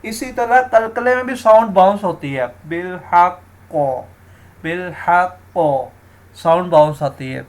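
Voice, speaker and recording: A man teaching Quran recitation rules, explaining each rule and then slowly sounding out words to demonstrate, often turning to his viewers as friends. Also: high-pitched, big pitch swings. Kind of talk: tajweed lesson, explaining and demonstrating.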